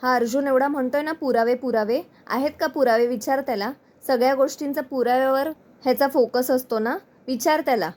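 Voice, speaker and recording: A scheming young wife who lies to defend herself, voiced plainly by a woman narrator. Her voice is bright and fairly high. The lines are read steadily rather than acted. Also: fairly quick, few pauses, lightly acted. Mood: defensive. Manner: plain reading of quoted lines.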